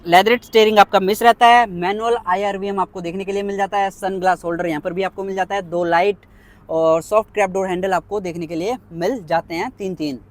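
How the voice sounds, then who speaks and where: A man walking around parked cars outdoors, listing their features one by one in a brisk review. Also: high voice, fairly even intonation. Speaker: car reviewer. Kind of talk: car walkaround review.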